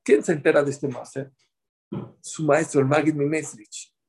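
A man teaching a religious class in an animated way, telling stories and asking his listeners questions. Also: a little high, moderate pace, vocal fry. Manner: animated, asks the audience questions.

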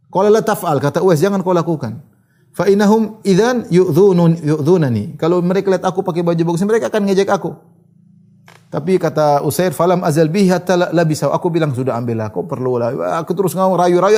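A man's voice: on the high side, mellow. A man giving a storytelling religious lesson. He reads Arabic narrations, retells them in casual speech and acts out the characters' lines. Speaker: religious teacher.

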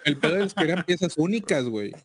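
A man's voice: fairly high pitch, expressive, fast, slightly rough. A Mexican man chatting casually in laddish, profane bro slang. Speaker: video game collector. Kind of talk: casual chat.

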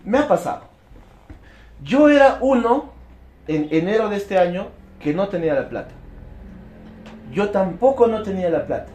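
A man giving a motivational talk about network marketing to an audience, animated and acting out quick bits of dialogue. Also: high-pitched, roomy sound.

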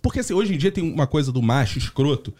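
A man tells a story on a laid-back comedy podcast. His voice sits a little high and swings widely in pitch, and he chuckles as he talks. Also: quick pace. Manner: animated storyteller, laughs through his lines. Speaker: podcast co-host. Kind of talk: casual comedic podcast chat.

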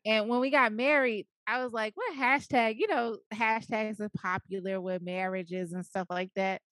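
A woman guest on an interview, telling stories in an animated, playful way and quoting herself. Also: mid-range voice, moderate pace, dry recording. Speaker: guest, media executive. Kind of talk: interview conversation.

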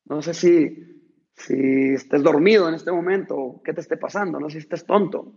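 A condescending wealthy rancher who lectures his old worker, as a man acts him out. He speaks, with a creaky, husky voice. The recording sounds dull and lo-fi. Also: a little high, normal speed, darkish tone. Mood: mocking. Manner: condescending, scolding. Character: rich, mocking male ranch owner.

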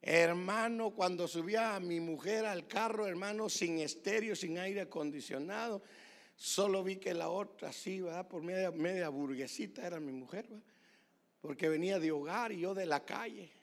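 A male pastor preaching a sermon, dropping to hushed whispers and rising to loud shouts, often calling his listeners brother. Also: high voice, normal speed, big-room sound.

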